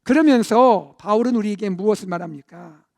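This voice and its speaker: High-voiced middle-aged male pastor preaching. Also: brisk, dry recording, studio quality. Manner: warm conversational preaching, swells to loud emphasis then drops to near-whispers. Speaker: senior pastor. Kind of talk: sermon.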